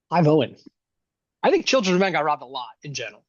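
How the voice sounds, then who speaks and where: A man guesting on a podcast, chatting about film awards in an opinionated, animated way and swearing casually. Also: fairly high pitch, moderate pace, no echo, lo-fi sound.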